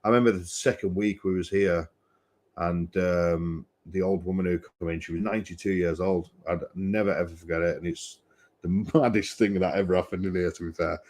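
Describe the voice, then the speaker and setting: A man who runs a tattoo studio, guesting on a casual podcast and telling a lively anecdote, acting out voices and laughing often. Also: low voice, a little fast.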